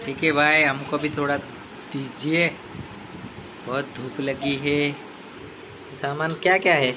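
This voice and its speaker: The man, a father and vlogger in his thirties, keeps a playful, teasing conversation going with his young son at home. His fairly high voice has fairly even intonation and a slow pace, captured by a phone at arm's length that also records clear background noise in the small room.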